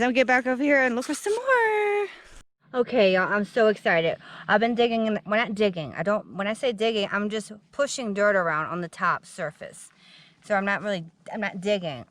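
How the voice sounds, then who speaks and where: A woman, vlogging outdoors into a handheld camera, excitable and chatty as she talks straight to viewers. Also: mid-range voice, brisk, no echo. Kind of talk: casual outdoor vlog narration. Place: outdoors at a dig site.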